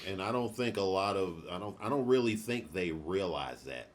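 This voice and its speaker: A man's voice: low voice, animated, normal speed. A man hosting a podcast in casual chat, rambling and swearing freely. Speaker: podcast host.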